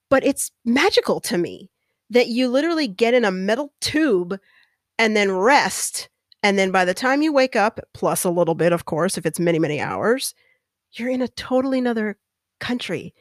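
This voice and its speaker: Young woman host, chatty and animated monologue, drawn-out words, dry sound. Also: medium pitch, dry recording. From California. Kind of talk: casual monologue.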